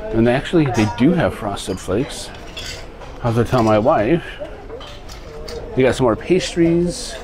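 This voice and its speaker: A man's voice: medium pitch, lively intonation, measured pace, pauses often, crowd noise, poor audio. Easygoing man touring a buffet. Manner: easygoing, rambling tour talk. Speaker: travel vlogger. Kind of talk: casual walkthrough narration. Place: ship buffet restaurant, indoors. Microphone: handheld camera.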